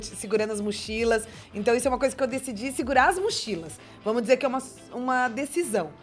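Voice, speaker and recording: A woman, chatting as co-host. Her manner is easygoing, chatty and gently teasing. Faint music runs behind her. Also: on the high side. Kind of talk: casual chat.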